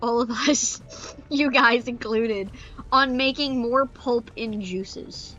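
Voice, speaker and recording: A woman's voice: on the high side, slow, lo-fi sound. A woman streamer chatting playfully and rambling during a game stream. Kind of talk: casual chat while streaming a game.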